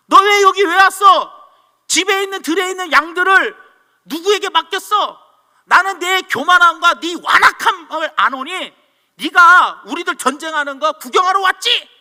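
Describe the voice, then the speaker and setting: A furious eldest brother barks out a loud, rebuking scolding, as a preacher plays him. His voice sits high and sharp, ringing off a long hall reverb. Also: lively intonation, a little slow, full character voice. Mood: angry rebuke. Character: angry scolding eldest brother, young man.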